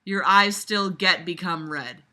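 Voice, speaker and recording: Speaking a little slowly in a sharp, low-leaning voice, a host reads a book aloud and picks it apart. It's casual, sarcastic commentary blended with mocking recitation, blunt and exasperated, with plenty of swearing.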